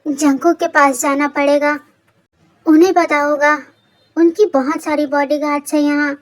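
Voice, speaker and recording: A woman's voice: sits high, little pitch movement, moderate pace, close to an everyday voice. A reader voicing an innocent young woman who is startled and asks questions, in a fan audio story. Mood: puzzled.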